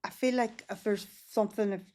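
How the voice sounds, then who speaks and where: A woman's voice: medium pitch, steady tone, brisk, darkish tone. A woman, a business founder talking frankly in a casual interview. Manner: frank and earnest, with frequent 'um' and restarts. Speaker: business founder, podcast guest.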